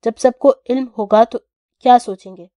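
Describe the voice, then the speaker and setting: A woman reading an audio novel, voicing a cruel young male crime boss who is stern and commanding, in a clipped, forceful way. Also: on the high side, fairly even intonation, no room sound, clean studio sound, close to an everyday voice. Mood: teasing. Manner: stern, clipped, louder than the narration.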